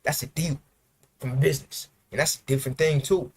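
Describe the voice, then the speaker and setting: A man's voice: mid-range voice, steady tone, brisk, husky. A man hosting a livestream, giving a blunt, profane motivational rant about self-investment and working for himself.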